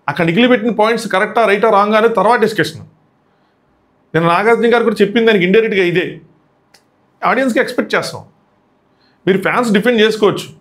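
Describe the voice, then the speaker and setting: A man's voice: high voice, fairly bright tone. A young man hosting a casual episode review, chatty and mixing English words into his talk. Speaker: YouTube show reviewer and host.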